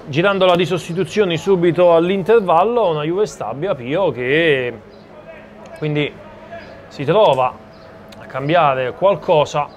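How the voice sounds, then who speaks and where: A man's voice: fairly high pitch, measured pace. A man giving live play-by-play commentary on a football match. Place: outdoor stadium commentary position. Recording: noisy live stadium sound.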